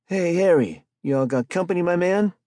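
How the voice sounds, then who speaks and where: For a spoken story, a man voices a menacing adult street hustler who bullies and robs, talking in swaggering, slangy, pushy, loud speech. The voice is low, sing-song and breathy at a moderate pace, pitched above his own. The studio recording is clean, with no room sound.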